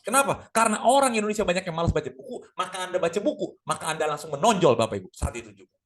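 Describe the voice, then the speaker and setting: A middle-aged man teaching a lively online sales class, energetic and full of rhetorical questions aimed at his audience. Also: sits high, very fast. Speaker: sales trainer.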